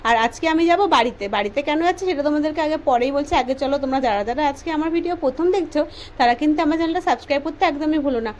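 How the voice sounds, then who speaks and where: A young woman vlogger talks to her viewers in a rapid, rushing patter. Her voice sits high and light, and a faint hum of ambience runs behind it. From West Bengal, India. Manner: says she speaks softly for this voice-over; chatty, addresses viewers directly. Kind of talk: casual vlog voice-over.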